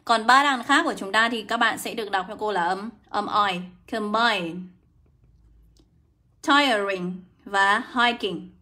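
A young woman teaching English in a live online lesson, brisk and coaxing, greeting viewers by name. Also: medium pitch, pushed and bright. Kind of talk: livestream lesson.

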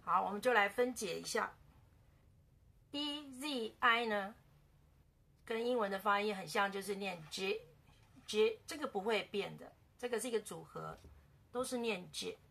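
A woman teaching a beginner language lesson in a casual way, repeating words slowly for her learners. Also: mid-range voice, gravelly, fairly bright tone, breathy edge.

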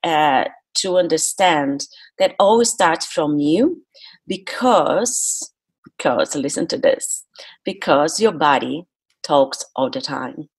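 In an interview, a Brazilian public speaking coach whose native language is Portuguese speaks earnestly and emphatically. Her low voice has lively intonation, a slow pace and a slightly rough texture.

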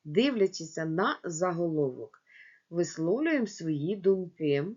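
A woman teaching young children in a video lesson, dictating words slowly syllable by syllable and speaking to the class directly. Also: lowish voice, very animated, darkish tone, husky. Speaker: primary school teacher. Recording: dull lo-fi home recording.

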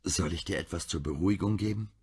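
A man's voice: deep voice, fast, a little mellow, husky. Man voicing a caring doctor's wife.

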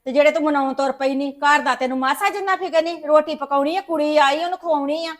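Actress as a sharp-tongued mother-in-law in a web drama, high voice, reproachful, nagging. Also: quick pace, close to an everyday voice. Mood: scolding. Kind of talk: web series family drama acting.

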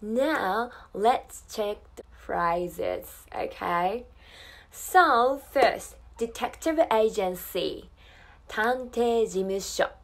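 Woman teacher drilling English phrases. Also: medium pitch. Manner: slow, careful model phrases and fast explanations; repeats drill phrases for learners. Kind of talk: language lesson.

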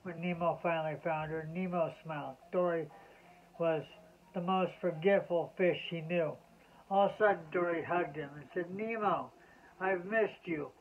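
A man reading a children's bedtime story aloud in a slow, measured way. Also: a little high, fairly even intonation, a little hiss or hum. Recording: tinny lo-fi phone-like audio.

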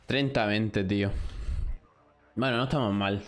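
Swearing Spanish gamer, low-pitched man. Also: a little slow. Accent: Spain Spanish. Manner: frustrated, swearing, talking to himself and chat. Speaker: gaming streamer. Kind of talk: live gameplay commentary.

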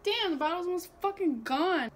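A woman's voice: extremely high pitch, expressive, moderate pace. A woman in her twenties, giggly and tipsy, chatting casually and brashly with plenty of swearing as she vlogs her makeup. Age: 20s. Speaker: makeup vlogger. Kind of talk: casual chat while doing makeup. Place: small room at home, indoors. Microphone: built-in camera mic at arm's length. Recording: noisy home webcam-style recording.

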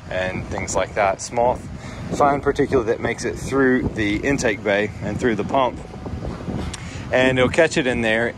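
A man giving a casual walkthrough of a backyard pond build, talking plainly and explaining as he goes. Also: lowish voice. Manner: plain, explanatory, loose restarts. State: out of breath. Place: outdoor backyard construction site. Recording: outdoor recording with wind noise.

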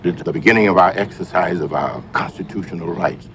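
An older actor playing a patient, wise grandfather in a film drama, counselling his grandson in a gentle, steady way. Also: low-pitched, brisk, a little hiss or hum. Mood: gently counselling. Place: outdoors by a porch.

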